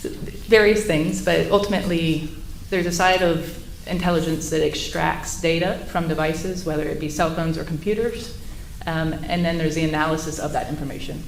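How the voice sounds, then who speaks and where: Testifying in court as an expert witness, this sheriff's intelligence commander lays out procedural explanations in a low, steady voice with vocal fry. She keeps a moderate pace and barely pauses. The indoor courtroom sounds echoey, with a little background noise.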